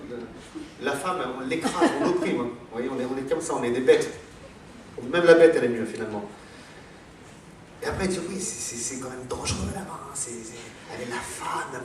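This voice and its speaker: A man's voice: a little high, slight background noise. French man lecturing in an echoey hall. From France. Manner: digressive, repeats words, many fillers. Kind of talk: religious lecture. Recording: echoey hall, voice from far off, faint background ambience.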